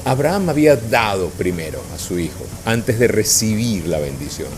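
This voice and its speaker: A man's voice: lowish voice, moderate pace, noisy background. A man preaching a sermon to a congregation, checking in with them as he goes. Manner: animated, asks the congregation questions.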